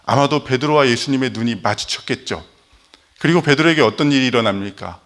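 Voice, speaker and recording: A pastor from Jeolla preaching a sermon to young people, telling the story with animation and acting out the quotes. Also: male voice, medium pitch, fast talker, a bit bright. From Jeolla, Korea.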